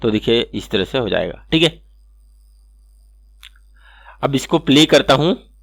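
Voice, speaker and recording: A man hosting an animation software tutorial, walking through each step and checking in with "okay" again and again. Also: mid-range voice, animated, measured pace, creaky, dry recording. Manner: step-by-step, repeats "ठीक है" often. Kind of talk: screen-recorded software tutorial.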